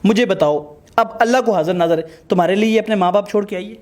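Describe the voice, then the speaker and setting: High-voiced man lecturing a quarreling couple. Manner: emphatic, lecturing, addresses viewers. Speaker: host. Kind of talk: mediating a marital dispute on camera.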